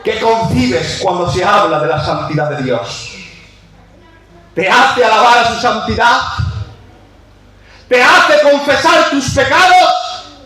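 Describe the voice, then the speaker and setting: High-voiced man preaching in an echoing church. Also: lively intonation, takes it slowly, pauses often. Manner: impassioned, swings from shouts to low intense tones; repeats key phrases for emphasis. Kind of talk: sermon. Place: church sanctuary. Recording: very echoey church hall.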